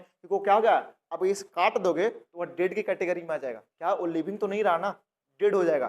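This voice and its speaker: A man's voice: high-pitched, darkish tone. A man from India teaching a coaching-class biology lesson, repeating key terms and asking the class questions that he then answers himself. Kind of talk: classroom lecture.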